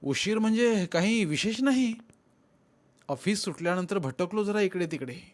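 A man's voice: high-pitched, animated, moderate pace, pitched above the performer's own voice. A man reading an audiobook and voicing a troubled young husband who gives evasive, brooding replies. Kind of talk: audiobook character voice.

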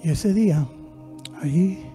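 Male pastor, fairly high voice, dramatic sermon storyteller, faint music behind. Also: slow. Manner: dramatic storyteller, swings between hushed and loud. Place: church.

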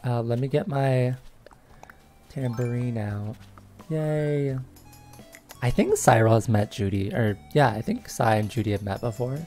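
Slow, bubbly young woman streamer. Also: rumbling low, animated, mellow, faint music behind. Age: 20s. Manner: bubbly and giggly, with many little cheers. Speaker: livestreamer. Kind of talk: casual gameplay chat.

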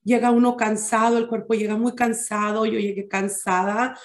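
A woman teaching a Bible study, deliberate and often checking in with her listeners. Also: a little high, little pitch movement. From Mexico. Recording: echoey room.

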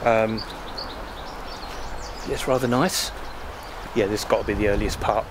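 An Englishman in his fifties, a travel vlogger, rambles chattily to a handheld selfie camera held at arm's length while strolling around a roadside country churchyard, tossing in self-deprecating asides. His voice is fairly low, steady, and a little slow. Wind and passing traffic are audible outdoors.

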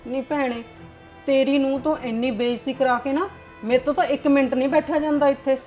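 A woman's voice: high-pitched, steady tone, a little fast, a little mellow, muffled recording, faint music behind, natural voice. A woman playing a scheming middle-aged aunt in a family web drama, sly and mock-tearful as she stirs trouble.

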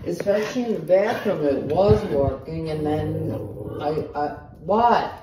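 Homeowner woman, quick casual talk, off-mic in an echoey room. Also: low voice, expressive, a crowd in the background. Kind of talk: casual conversation. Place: inside a house. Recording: distant, roomy, noisy.

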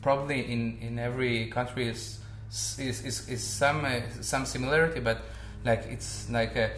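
A man's voice: medium pitch, steady tone, moderate pace, fairly bright tone, reverberant, a little hiss or hum. A man in his thirties from Armenia, a singer and vocal coach, talking casually with many fillers and restarts in a living room. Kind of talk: casual interview. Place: bright living room with large window.

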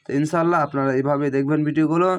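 A man teaching Quran reading, spelling each word syllable by syllable and then reciting it slowly and drawn out. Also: on the high side, fairly even intonation, muffled recording. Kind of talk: step-by-step recitation lesson.

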